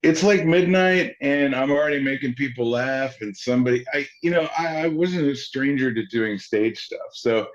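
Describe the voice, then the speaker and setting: This actor guest, a man in his forties, has a mid-range voice and keeps a moderate pace with few pauses. He relates anecdotes in a casual, animated way, acting out those he quotes, on slightly dull lo-fi audio.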